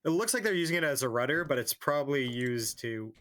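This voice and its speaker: A man's voice: mid-range voice, expressive, quick pace, fairly bright tone. A man streaming a game, chatting casually and adding dry, amused remarks. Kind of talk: casual gaming stream chat.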